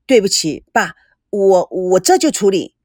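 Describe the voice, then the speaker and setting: A woman's voice: medium pitch, animated, a little slow, darkish tone, dry recording, clean studio sound. A woman voicing a dutiful young man who stammers tense apologies to his father in a storybook reading. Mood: apologetic.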